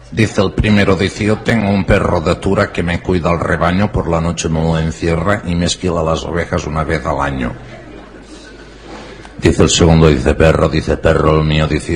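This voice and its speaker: A man with a Catalan accent telling jokes as a stand-up comedian, in a slow, dry deadpan. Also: a bass voice, a little hiss or hum. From Spain. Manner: slow, dry deadpan delivery with repeated "diu" and "digo".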